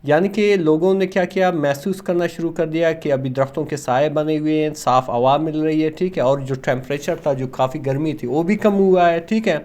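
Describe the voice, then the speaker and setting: A man teaches English through a story, in a voice a little higher than most men's. He breaks each sentence into single words and translates them. He often stops to ask himself what comes next. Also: hardly any pauses, darkish tone. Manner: repeats and translates each word, asks himself questions. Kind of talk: explaining an English story line by line.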